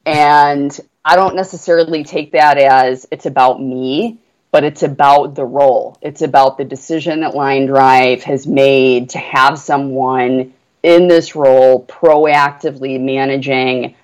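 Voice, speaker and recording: A woman's voice: very deep voice, fairly even intonation, a little slow, a little mellow, poor audio. Woman on a work podcast, earnest and chatty, lots of fillers. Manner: earnest, enthusiastic, many "you know" fillers. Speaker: guest, portfolio manager. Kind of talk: business podcast conversation.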